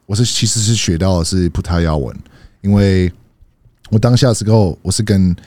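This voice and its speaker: A man's voice: low voice, normal speed, warm tone, no room sound. A young man from the United States, a native English speaker, chats casually in fluent American-accented Mandarin as a foreigner and slips into English. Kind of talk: casual bilingual chat.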